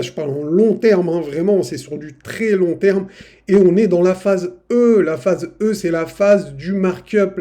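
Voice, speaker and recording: A man's voice: high-pitched, dark tone. A man, a crypto YouTuber giving a casual, hype-driven chart analysis and talking chummily to his viewers.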